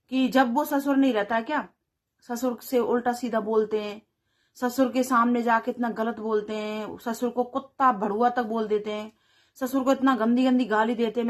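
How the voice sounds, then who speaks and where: A woman's voice: on the high side, a bit bright. A woman vlogger giving earnest moral advice to camera, repeating phrases for emphasis.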